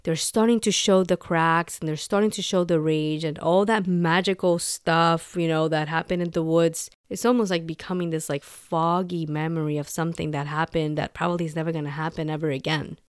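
A woman hosting a podcast, talking casually and candidly, acting out quoted lines in short animated bursts. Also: deep voice, brisk, hardly any pauses, clean tone, no room sound, studio quality. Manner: candid, animated, quotes dialogue in little acted bits. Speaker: podcast host. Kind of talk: casual commentary.

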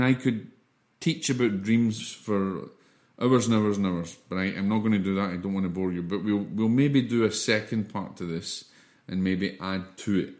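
A man teaching an informal spiritual lesson in an earnest, reassuring, explanatory way, often halting and repeating words as he goes. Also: deep voice, darkish tone.

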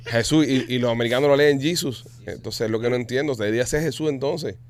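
A man's voice: mid-range voice, fast talker. A man hosting a casual podcast chat, puzzling things out aloud and repeating himself as he goes.

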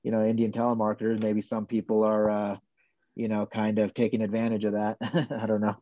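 A man speaking as a podcast guest, talking in a soft-spoken, measured and hedging way. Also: fairly low pitch, monotone, no echo, highs cut off. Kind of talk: casual conversational interview.

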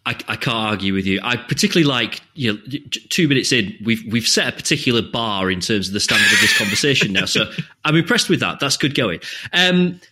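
A man's voice: mid-range voice, expressive, brisk, bright, forceful tone. A man hosting a casual interview, playful and eager with his questions. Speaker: podcast host.

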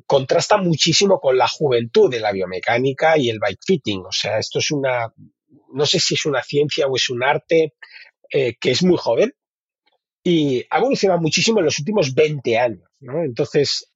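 A man's voice: mid-range voice, lively intonation, moderate pace, breathy edge, dry recording, dull audio. A man from Spain with a Spanish accent, a bike fitting expert talking keenly in an interview, often repeating and restarting words. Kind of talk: casual interview talk.

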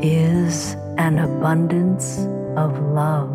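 A woman guiding an affirmation meditation in a soft, soothing spa-like manner with long pauses. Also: deep voice. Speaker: meditation guide. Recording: guitar music behind. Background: calm plucked guitar music.

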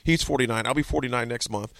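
A man's voice: medium pitch, fast talker, vocal fry, fairly bright tone. A man in his forties hosting a sports radio show, talking casually and rambling with many fillers. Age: 40s. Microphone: studio microphone.

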